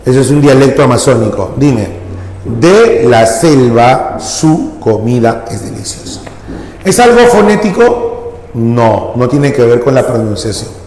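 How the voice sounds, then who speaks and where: A male teacher explains a language lesson slowly and keeps asking his students rhetorical questions. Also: medium pitch, lively intonation, a little mellow, slight background noise. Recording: echoey room with long reverb.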